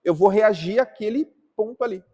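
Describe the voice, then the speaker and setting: A man's voice: sits high, moderate pace, warm tone, husky. A man teaching a class at church, talking casually and asking the group questions. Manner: asks the group questions, calling on people by name. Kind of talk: interactive class talk.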